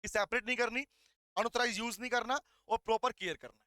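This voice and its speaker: Male law tutor, forceful delivery, dry close recording, slow statute reading, rhetorical questions to students. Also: very high voice, steady tone, dry recording. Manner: asks rhetorical questions and calls students "beta"; reads the statute lines out slowly, word by word. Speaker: law lecturer. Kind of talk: recorded exam revision lecture.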